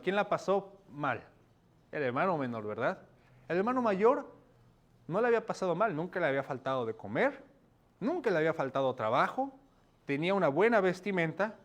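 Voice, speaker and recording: A man preaching a sermon, asking rhetorical questions and checking in with his listeners. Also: on the high side.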